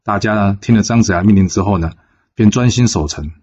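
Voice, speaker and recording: A man casually narrating a classic folk tale in a relaxed, filler-heavy way. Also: on the low side, fairly quick, lo-fi sound. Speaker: storyteller.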